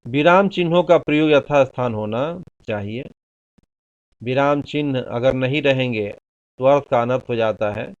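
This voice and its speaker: Male teacher giving a slow classroom lecture, mid-pitched voice, dull dry lo-fi recording. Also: smooth, no echo. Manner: slow, deliberate explaining with examples. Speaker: Hindi teacher.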